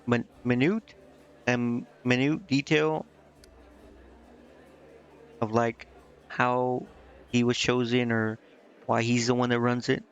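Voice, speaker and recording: A man's voice: mid-range voice, flat delivery, slow, pauses often, clean tone. A man doing casual live game commentary, informally thinking aloud and reading dialogue out as he goes. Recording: dull, band-limited sound with music. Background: game music.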